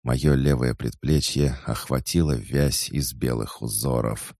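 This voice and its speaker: A man narrates a first-person fantasy audiobook in a measured, steady way. His voice is extremely deep and gravelly. He speaks slowly into a dry, close mic. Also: no echo.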